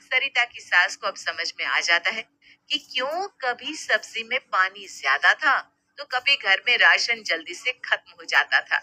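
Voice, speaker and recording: A woman narrating an animated story in a plain, even storytelling manner. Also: medium pitch, measured pace, no echo.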